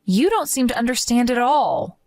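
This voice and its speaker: A woman's voice: on the high side, very animated, moderate pace, vocal fry, dry recording, clean studio sound. A woman playing an aggrieved young wife. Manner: aggrieved, complaining. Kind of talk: dramatized chat story.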